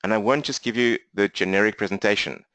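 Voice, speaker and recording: A man with a strong South African accent, speaking fast and energetically as he leads a live online training session from his laptop. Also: lowish voice, no echo. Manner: fast-talking, energetic, interactive. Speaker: business coach for accountants. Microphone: laptop mic.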